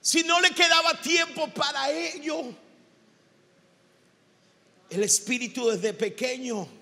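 A man with a Mexican Spanish accent preaching a sermon as pastor, impassioned and at times shouting. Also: very high voice, slow, gravelly. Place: church hall. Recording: church hall reverb.

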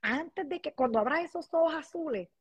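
Reading out comments in a casual live stream chat, a woman warmly and effusively thanks viewers by name. She speaks in a high, expressive voice at a brisk pace, with no echo in the recording.

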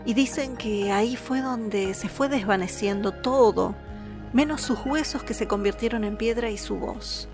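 A woman narrating a myth, measured and dramatic, slowing down for lists and dropping to a whisper at tense moments. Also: mid-range voice. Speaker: storyteller.

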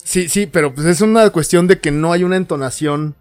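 A man's voice: a little high, a little fast, faint music behind. Tipsy young Mexican man chatting. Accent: Mexican Spanish. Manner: chatty, laughs often, acts out quoted texts. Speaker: podcast co-host. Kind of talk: casual chat.

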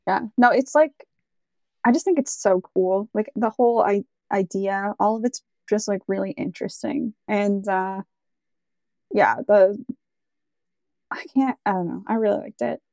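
A woman's voice: mid-range voice, measured pace, creaky, warm tone, no echo. A woman co-hosting a podcast in casual chat, rambling and enthusiastic with many fillers. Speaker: podcast co-host.

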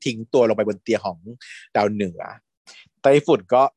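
A man retelling a series in casual chat, camp and lively, acting out the characters' lines. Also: lowish voice, moderate pace, dry recording. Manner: animated, camp, switches into character voices. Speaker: storyteller recapping a series. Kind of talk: casual retelling with acted quotes.

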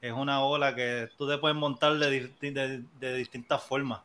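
A man's voice: mid-range voice, little pitch movement, normal speed, pushed and bright. A man, a music producer guest, reminiscing in easygoing chat. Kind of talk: casual interview chat.

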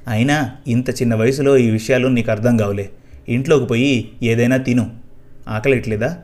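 A man voicing a kindly uncle in a spoken story, gently explaining to a child. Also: mid-range voice, fairly even intonation, normal speed, lightly acted. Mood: gentle.

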